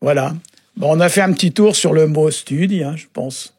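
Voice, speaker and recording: A man explaining word meanings on a radio show in a relaxed, halting way, often pausing with filler sounds. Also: on the high side, husky, dry recording, clean studio sound. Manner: halting, often adds "hein" and "euh". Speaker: Breton language expert on a radio show.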